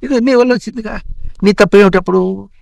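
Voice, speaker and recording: A man, a spiritual teacher, gently instructing a child through repeated questions. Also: high voice, brisk, creaky, no room sound. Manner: animated, repetitive questioning.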